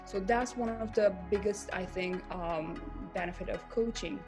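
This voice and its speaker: With music playing in the background, a pharmacist and career coach from Turkey chats in a relaxed interview. She speaks at a medium pitch, reflective and hesitant, frequently stopping to start over or fill gaps.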